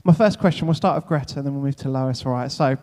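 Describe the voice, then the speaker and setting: A man's voice: mid-range voice, fast, dark tone, long reverb tail. A man leading a church gathering, chatting loosely while interviewing two newcomers and then praying over them, often saying "brilliant" and "yeah". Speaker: church leader hosting an on-stage welcome. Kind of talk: casual stage interview and spoken prayer. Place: church hall with long reverb.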